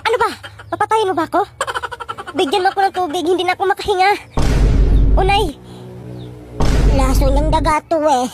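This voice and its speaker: A woman's voice: very high-pitched, brisk, pauses often, loud music behind the voice. A woman acting out a comic family skit, scolding and teasing in a bossy, playful way. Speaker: comedy sketch creator. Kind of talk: comic skit playing mother and child.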